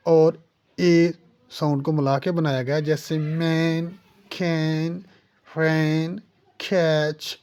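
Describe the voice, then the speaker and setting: A woman gives a phonetics lesson in a low-pitched voice, taking her time over each vowel. She models example words one after another with patient repetition and calls the learner dear student. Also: darkish tone. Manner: patient, demonstrates sounds by slowly repeating example words. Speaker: English teacher.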